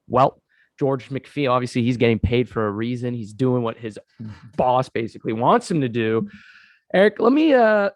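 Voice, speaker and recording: Recorded dry, a mid-range male voice belongs to a sports podcast host who's stuffed up with a cold. Chatting casually, he keeps turning to his co-host and meanders along with plenty of "uh" fillers.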